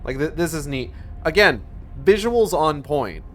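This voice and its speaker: A man's voice: on the high side, very animated, unhurried, slight background noise. A man giving sarcastic, sweary running commentary on a game. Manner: sardonic, sweary. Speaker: game streamer.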